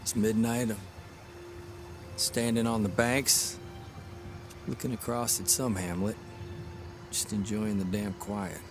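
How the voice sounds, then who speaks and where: Over music, an actor plays a weary, lonely travelling writer confiding haltingly in a period radio drama monologue. His male voice is lowish and level in tone.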